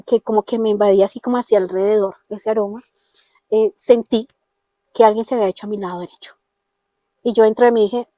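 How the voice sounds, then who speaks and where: A woman's voice: fairly high pitch, darkish tone, no room sound. A woman with a Colombian accent giving an earnest personal testimony, often acting out the dialogue she quotes. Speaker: interviewee telling her testimony.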